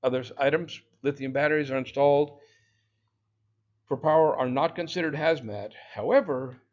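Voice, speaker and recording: A man's voice: a little high, normal speed, a little mellow, lo-fi sound. A man teaching an exam-prep lecture in a loose, chatty way, full of fillers and asides. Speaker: drone exam instructor.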